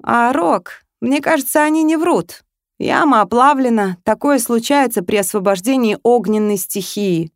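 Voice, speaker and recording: A fussy talking raven with a high, chirpy voice that jumps up and down in pitch, as a woman reading a storybook puts him on. He sounds eager to please and a little bossy, and the sound is dry and close. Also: animated, normal speed, no echo. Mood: reasoning. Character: fussy male talking raven, a dragon's sidekick.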